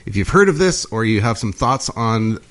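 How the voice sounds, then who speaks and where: A man co-hosting a casual podcast chat, halting with restarts and fillers, often laughing. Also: on the low side, big pitch swings, a bit bright. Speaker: podcast co-host.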